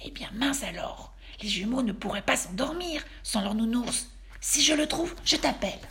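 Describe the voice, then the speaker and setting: A woman voicing a tiger parent in whispered role-play, speaking softly so the sleeping twins stay asleep. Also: a little high, lively intonation, moderate pace, pitched above the performer's own voice. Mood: hushed. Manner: soft, urgent whisper.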